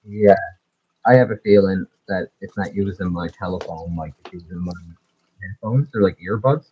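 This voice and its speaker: A man's voice: sits low, moderate pace, slight background noise. A man chatting casually on a livestream, his voice muffled as if heard through a wall, trailing off with fillers. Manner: laid-back, trailing off with fillers. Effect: muffled voice, as if through a wall or underwater. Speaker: streamer co-host. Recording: muffled lo-fi earbud mic.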